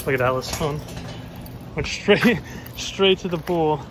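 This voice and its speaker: Here the dog-running vlogger's voice is a little high and a little slow, with background noise around him. He narrates in a chatty, upbeat, casual way while out on runs and in a yard.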